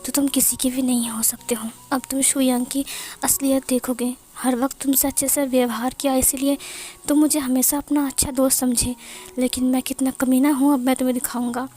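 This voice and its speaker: A woman's voice: sits high, little pitch movement, brisk, mellow. A woman voicing a possessive young man who pleads and stammers with his friend. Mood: scheming.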